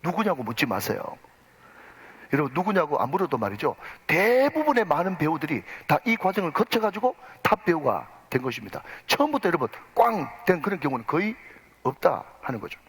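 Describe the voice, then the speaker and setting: A male pastor preaching with emphasis, his voice lively and swooping up and down. It is husky, and a long church reverb lingers after every phrase. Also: a little high, a little fast. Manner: emphatic, leads congregation in responses. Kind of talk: sermon. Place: church sanctuary.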